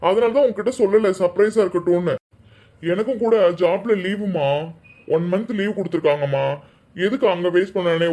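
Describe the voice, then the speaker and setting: A young cartoon son with a fairly high voice and a Tamil Nadu accent, voiced by a man. He coaxes and pleads with his mother in a playful, affectionate way. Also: mellow. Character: cheerful grown son returning home, young man. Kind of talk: cartoon voice acting.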